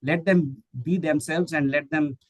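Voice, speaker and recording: An English teacher trainer from India, middle-aged and a native Hindi speaker, responds to questions as a guest in an online webinar. His voice sits on the high side with fairly even intonation and an unhurried pace, though he hesitates with many fillers and restarts. The recording is dry.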